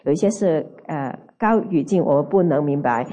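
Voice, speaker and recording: A woman's voice: deep voice, animated, normal speed, dark tone. A woman interpreting a sermon phrase by phrase, hesitating with small fillers while she finds the words. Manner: hesitant, fills gaps with "ah" and "er" while translating.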